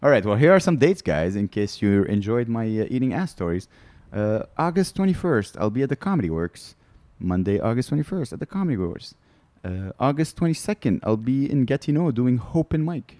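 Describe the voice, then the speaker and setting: A man's voice: mid-range voice, very animated, fairly quick, few pauses, darkish tone, no echo. A male comedian guest chatting casually on a podcast, telling candid, rambling stories and laughing between lines. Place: studio.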